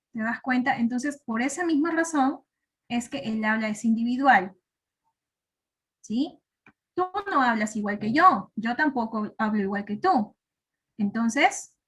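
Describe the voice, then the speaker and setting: A woman teacher's voice, a touch higher than most, walks her students through a lesson. She is patient and keeps turning back to them with little questions to make sure they follow. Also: a bit bright. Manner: patient, checks understanding with frequent tag questions. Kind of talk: classroom explanation.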